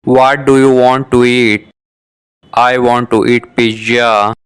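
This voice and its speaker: In a clean, level, mid-range voice, a man reads short beginner dialogues for an English lesson. Each exchange comes twice, delivered in a measured way with careful articulation, as scripted material for shadowing practice.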